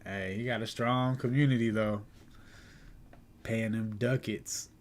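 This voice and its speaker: A man's voice: fairly low pitch, steady tone, a little slow. A young man hosting a day trading livestream, chatting casually in a laid-back, slangy way and chuckling now and then. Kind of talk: casual live-stream chat.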